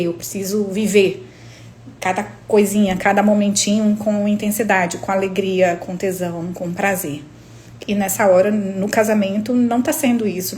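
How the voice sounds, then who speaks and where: A woman, an energy therapist sharing reflections in a casual, animated storytelling monologue with frequent tag questions. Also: medium pitch, a little hiss or hum.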